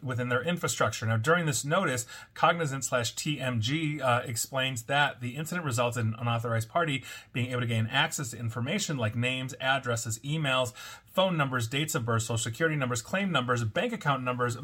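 A man's voice: mid-range voice, pushed and bright, breathy edge. A man hosting a weekly cybersecurity news roundup, reading reports and adding wry, sardonic asides. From United States. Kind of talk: scripted news commentary with asides.

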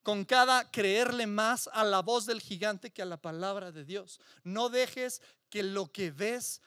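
A man's voice: high-pitched, a bit bright, no echo, studio quality. A man preaching a sermon, emphatic, with repetitions and rhetorical questions. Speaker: pastor.

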